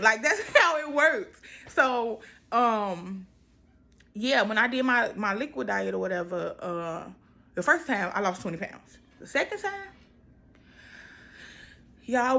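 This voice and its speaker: Casual and personal, this vlog features an American woman in her twenties speaking to viewers in a somewhat high, slightly bright voice. She repeats phrases to underline what matters to her.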